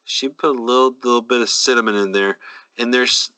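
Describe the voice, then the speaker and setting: A man's voice: medium pitch, fairly even intonation, bright, forceful tone, no room sound, rough recording. A man, co-hosting a casual chat and confidently handing out cooking advice. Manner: confident, advice-giving, drawn-out emphasis. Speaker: podcast co-host.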